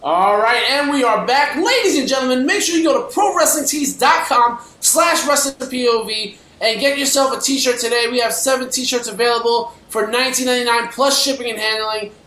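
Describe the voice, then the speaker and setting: A man's voice: very high voice, fairly quick, few pauses, bright, forceful tone. A man hosting a podcast, delivering an upbeat, emphatic infomercial-style sales plug. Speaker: podcast host. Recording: roomy, echoey sound.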